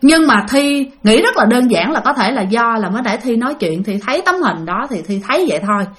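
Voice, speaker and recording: Lively woman storyteller. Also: on the high side, fast talker. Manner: animated, talks about herself in the third person, addresses listeners directly. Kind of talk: casual first-person spooky storytelling.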